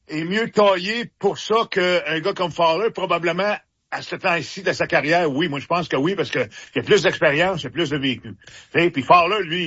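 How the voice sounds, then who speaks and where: A former hockey player with a Quebec French accent chats casually as a sports commentator on the radio, rambling with lots of restarts and fillers. His voice sits high, with a slightly bright, breathy edge, and the broadcast sounds muffled.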